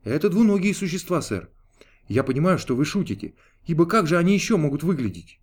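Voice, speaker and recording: In an audiobook reading, a man with a fairly high, very animated voice and a brisk pace portrays a dutiful male archangel. The character answers politely and with restraint, in a deferential mood.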